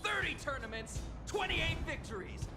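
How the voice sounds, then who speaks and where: An actor playing a hyped male ring announcer in a video game, a bombastic showman with theatrical, drawn-out delivery. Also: very high-pitched, expressive, over music. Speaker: fight announcer.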